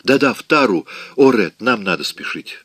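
A man's voice: on the low side, expressive, normal speed, fairly bright tone, dry recording. A man voicing a desperate, headstrong young woman in an audiobook, pleading in a raised voice. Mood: urgent. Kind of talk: audiobook reading.

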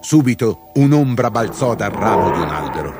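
A man reading a fairy tale aloud in an expressive, lively storytelling manner, with music playing behind him. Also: on the low side, moderate pace. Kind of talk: scripted fairy-tale narration. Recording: narration over background music.

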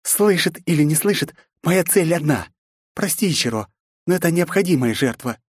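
A man's voice: fairly high pitch, animated, normal speed, slightly rough, dry recording, clean studio sound, pitched above the performer's own voice. A man voicing a fierce young warrior princess who speaks coldly and spitefully, in an audiobook. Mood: defiant. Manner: cold, spiteful. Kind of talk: audiobook character voice.

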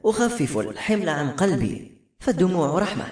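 A man's voice: high voice, sing-song, fairly quick, pitched above the performer's own voice. A man voicing a tearful talking mare. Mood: sorrowful. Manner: soft, tearful, pleading. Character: sorrowful talking mare, gentle female. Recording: roomy echo.

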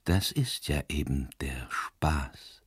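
A man reading the lines of a calm, sharp-minded old priest detective in a grave, slow voice that drops to a hushed whisper. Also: rumbling low, husky, dry recording, studio quality, heavily acted. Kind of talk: scripted narration.

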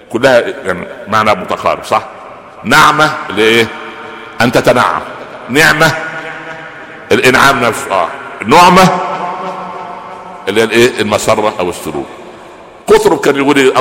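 A man with an Egyptian accent teaching a religious lesson, asking his listeners rhetorical questions and joking with them. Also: fairly low pitch. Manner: lively, rhetorical questions, jokes. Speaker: preacher explaining hadith. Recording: echoey hall with long reverb.

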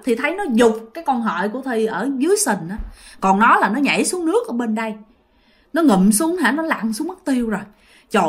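A woman with a Southern Vietnamese accent telling her own ghost story dramatically, speaking straight to her listeners. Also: on the high side. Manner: dramatic, emphatic, addresses listeners directly. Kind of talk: first-person ghost story told to listeners.

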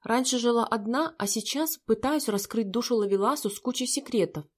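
An anxious young woman artist pleads and frets over someone she cares for, as a woman puts her on. Her voice rises a little higher and louder than the narration in this storybook reading. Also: fairly quick, lightly acted. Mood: pleading.

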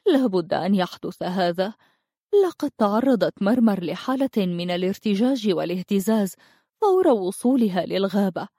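A woman playing a wise, calm magical lady. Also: mid-range voice, no room sound, studio quality. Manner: calm, measured counsel.

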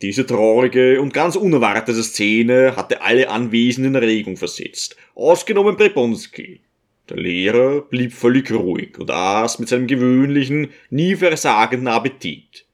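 Guy reading an old novel aloud, calm measured audiobook narration. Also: medium pitch. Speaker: audiobook reader. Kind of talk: scripted narration.

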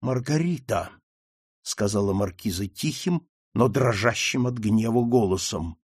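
A man narrating a classic novel as an audiobook in an even, measured reading. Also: fairly low pitch, slightly rough, no room sound, studio quality. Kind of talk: scripted narration.

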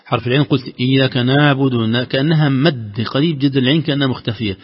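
A man coaches callers on their recitation, patiently chanting each line to demonstrate. His voice sits at an ordinary pitch. The sound is dull and lo-fi, trailing a long reverb. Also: rapid-fire, slightly rough. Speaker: Quran recitation teacher. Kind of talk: correcting callers' recitation on air.

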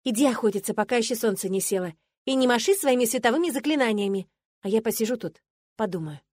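A woman reading the part of a quick-tempered young heroine who snaps back indignantly. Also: on the high side, animated, darkish tone, no room sound, studio quality. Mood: bossy. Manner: indignant, snappy.

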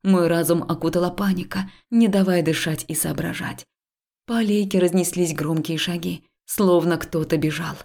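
A woman reading a first-person story aloud, dramatic, slipping into hushed whispers for tense dialogue. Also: fairly low pitch, moderate pace, creaky. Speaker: audiobook narrator.

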